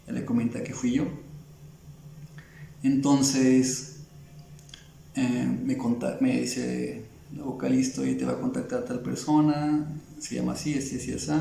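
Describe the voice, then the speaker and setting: A Mexican illustrator with a Mexican Spanish accent talks as a guest in a casual interview, rambling with many fillers and restarts. His mid-range voice is creaky and warm, and the low-quality recording sounds roomy with a little hiss or hum.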